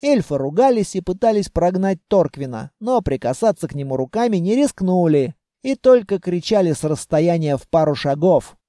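A narrator reading a first-person fantasy audiobook in an even, measured way, recorded close to the mic. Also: medium pitch, no echo.

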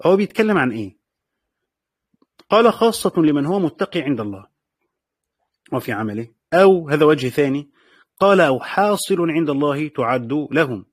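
A man with an Egyptian accent teaching a classical text, repeating key phrases, reading quotations slowly and checking with the class through short questions. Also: a little high, expressive, slightly rough, no echo, clean studio sound. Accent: Egyptian Arabic. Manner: reads quoted passages slowly.

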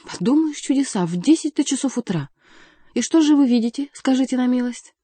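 A woman's voice: lowish voice, brisk, dry recording, close to an everyday voice. A woman voicing a mocking young courtier. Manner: teasing, ironic, calm. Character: mocking, cool-headed young male courtier.

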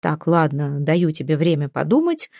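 Figure: calm, decisive grown man, as a woman reads him; mellow, steady, dry. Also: low-pitched, normal speed, creaky, dry recording, heavily acted.

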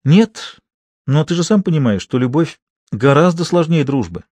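A man's voice: a little high, expressive, moderate pace, a little mellow, breathy edge, dry recording, pitched above the performer's own voice. A man reading an audiobook, voicing a playful, sensible young woman in a raised, lighter voice. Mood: earnest.

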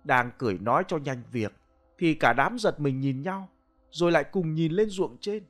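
A man's voice: a little high, lively intonation, moderate pace, lightly acted. A man voicing a frightened peasant woman who tells a horror tale with gasping exclamations. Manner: gossipy, exclaiming.

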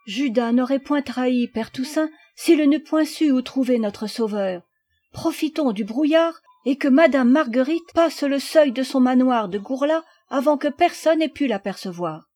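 A woman's voice: sits high, expressive, a little slow, dark tone, pitched above the performer's own voice. A woman reading aloud, voicing an eager, clever young male boatman in an earnest, pleading way.

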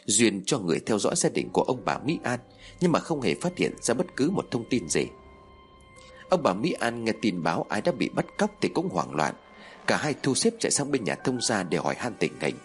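Male storyteller, animated intonation, soft music behind. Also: lowish voice, fairly quick. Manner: steady, dramatic storytelling. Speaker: narrator. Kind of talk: scripted story narration. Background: faint music.

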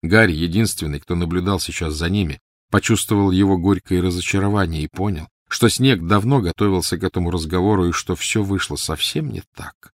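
A man reading a novel aloud in a calm, measured narration. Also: low-pitched, no room sound, clean studio sound. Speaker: audiobook narrator. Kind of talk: scripted narration.

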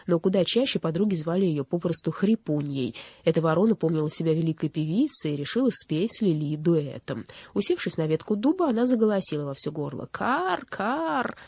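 A woman's voice: on the low side, warm tone, husky, no room sound. A woman narrating a children's story expressively and speaking directly to young listeners.

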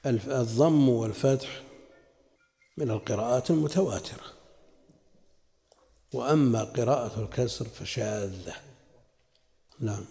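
A man teaching a religious commentary lesson, deliberate and earnest with colloquial asides. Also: mid-range voice, gravelly, warm tone. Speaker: sheikh teaching a Quran commentary class. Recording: long hall reverb.

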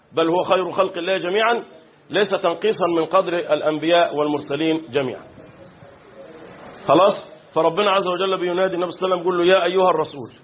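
A man's voice: high-pitched, breathy edge. A man with an Egyptian Arabic accent teaching a Quran commentary lesson, chanting verses and quizzing students with rhetorical questions. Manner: recites verses in a chanted style. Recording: phone-like lo-fi recording.

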